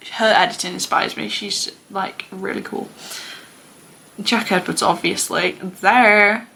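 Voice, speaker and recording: A young woman with a Mancunian accent talks casually to her camera, drifting between thoughts with plenty of fillers and self-deprecating asides. Her voice sits mid-range and slips often into a gravelly fry. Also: mid-range voice, a bit bright. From England. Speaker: booktuber.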